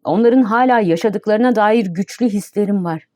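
A woman's voice: mid-range voice, moderate pace, a little mellow, no room sound, clean studio sound, close to an everyday voice. A woman reading the lines of an earnest, worried man on a rescue ship in a storybook. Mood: sad.

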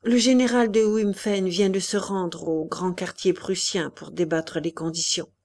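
A woman's voice: fairly even intonation, measured pace, a little mellow. A woman reading a dejected manufacturer. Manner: low, dejected. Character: discouraged middle-aged male manufacturer.

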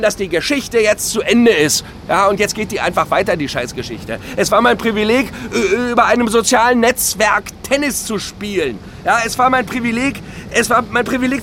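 In a stage-style radio drama, a middle-aged man with a rather high, slightly bright voice delivers a theatrical monologue, whining about privileges he has lost. He stammers in agitation, sounding wounded and self-pitying as he fires off rhetorical questions. A faint hiss or hum sits under the recording.

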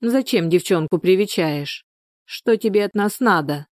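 A woman's voice: mid-range voice, expressive, a little slow, a little mellow, dry recording, clean studio sound, lightly acted. A woman reading a storybook, voicing a stern, worried village grandmother who scolds.

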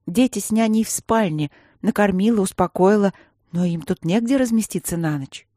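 An audiobook reader voicing a sharp-tongued young woman sorceress. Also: mid-range voice, normal speed, no room sound, studio quality, voice pushed up, natural voice. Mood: worried.

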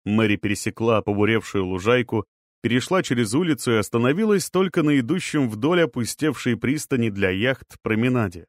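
Male audiobook narrator, mid-pitched, even storytelling read, dry booth. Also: fairly quick, dry recording. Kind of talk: scripted narration.

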